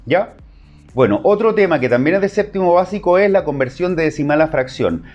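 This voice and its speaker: A man's voice: a little high, lively intonation, brisk, darkish tone, lo-fi sound. A man with a Chilean accent teaching an online math class, explaining step by step and checking in with short questions.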